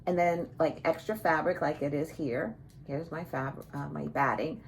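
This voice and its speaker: A woman's voice: deep voice, moderate pace, slight background noise. A woman hosting her own cross-stitch vlog, chatting casually and rambling with many fillers and restarts. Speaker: cross-stitch vlogger, show host.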